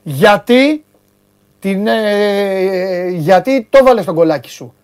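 A man hosts a sports talk show in loose, casual studio banter. He teases his co-host and breaks into loud exclamations. His manner is playful and needling. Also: sits high, clean tone. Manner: teasing and exclamatory.

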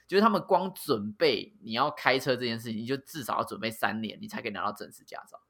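Bright-voiced teasing Taiwanese man. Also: mid-range voice, fast talker, creaky. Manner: teasing, sarcastic, crude slang. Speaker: podcast host. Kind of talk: casual chat.

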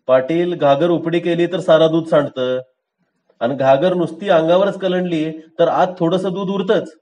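A man's voice: a little high, steady tone, normal speed, darkish tone, pitched above the performer's own voice, close to an everyday voice. A man voicing a lazy but shrewd small-town police constable, offhand and bossy.

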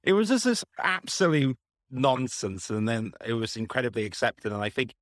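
Chatty podcast host. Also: male voice, medium pitch, big pitch swings, moderate pace, no room sound, studio quality. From Wales. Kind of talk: casual podcast conversation.

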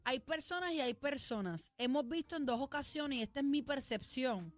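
A woman with a Puerto Rican accent and a high, bright voice co-hosts a radio gossip show. She gives her opinions in an expressive, chatty way. Faint music runs behind her. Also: normal speed. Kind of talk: casual gossip chat. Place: radio studio.

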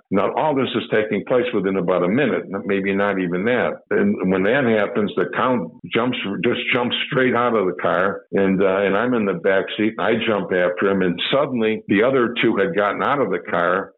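A man telling a first-person story in a rambling way, often repeating and restarting his sentences. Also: on the low side. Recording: tinny phone-like audio.

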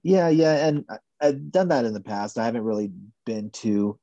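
A man speaking as a podcast guest, talking in a soft-spoken, measured and hedging way. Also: mid-range voice, animated, no echo, lo-fi sound. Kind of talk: casual conversational interview.

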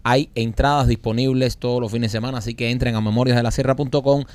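A man co-hosting a comedic podcast, telling stories with energy. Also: medium pitch. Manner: animated storytelling, quick. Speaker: podcast co-host. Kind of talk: casual comedic banter.

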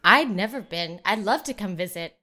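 A woman playing a gentle, upbeat yoga teacher, talking with warm enthusiasm. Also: medium pitch, lively intonation, moderate pace. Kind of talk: improvised comedy podcast.

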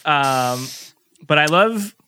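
A man's voice: fairly high pitch, expressive, drawn-out words, pushed and bright, smooth, no room sound. A man co-hosting a podcast in casual, rambling chat, full of "like" fillers. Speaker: podcast co-host.

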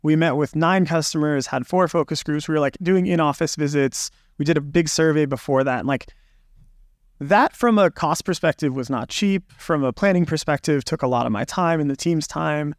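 A man's voice: a little high, normal speed, no room sound, clean studio sound. A man who is a podcast guest, talking over research practice in a reflective, loose way with many fillers and restarts. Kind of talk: casual podcast conversation.

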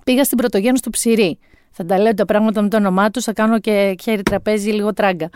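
A woman's voice: mid-range voice, fairly even intonation, noisy background. A woman in her forties telling a comic story in a wry, self-mocking way, close to the mic. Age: 40s. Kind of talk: comic monologue.

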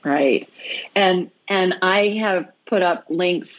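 A woman hosting a podcast, chatty and upbeat, taking callers and making quick jokes. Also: fairly low pitch, rough recording. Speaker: podcast host. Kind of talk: casual chat.

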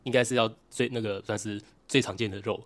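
A young man with a Taiwanese Mandarin accent chats casually at a brisk clip. His voice is on the low side and sounds close and dry, and he grumbles in a wry, joking way as a podcast co-host. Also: fairly even intonation, dry recording. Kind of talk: casual chat.

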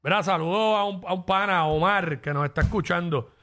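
A man's voice: high voice, fairly quick, bright, forceful tone. A man with a Puerto Rican accent hosting a casual call-in radio show, bantering in a playful, teasing way. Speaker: radio host.

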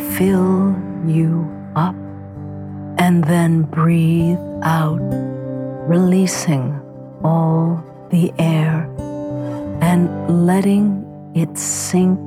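A woman guiding an affirmation meditation in a soft, soothing spa-like manner with long pauses. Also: on the low side. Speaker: meditation guide. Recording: guitar music behind. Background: calm plucked guitar music.

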